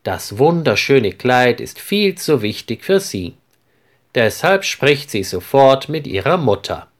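A man reading a story aloud as narrator, in a clear, deliberate scripted style. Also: medium pitch, big pitch swings.

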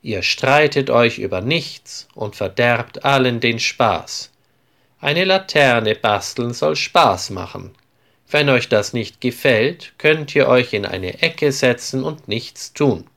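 A man's voice: medium pitch, animated, slow pace, gravelly, fairly bright tone, exaggerated voice. A man voicing a strict female schoolteacher who speaks firmly and scolds. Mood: stern. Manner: firm and scolding.

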